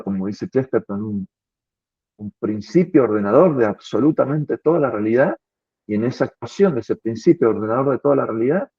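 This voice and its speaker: A man's voice: mid-range voice, breathy edge, no room sound. A man in an earnest, reflective philosophical conversation, often repeating words as he thinks. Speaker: philosophy commentator. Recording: tinny phone-like line.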